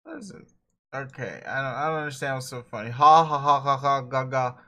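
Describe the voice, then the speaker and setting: A man's voice: medium pitch, very animated, fast, pushed and bright, voice pushed down. A man voicing a cool, ironic teenage boy who swears a lot and rambles, in a dramatic reading of a webcomic. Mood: laughing. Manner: profane, rambling, laughs a lot.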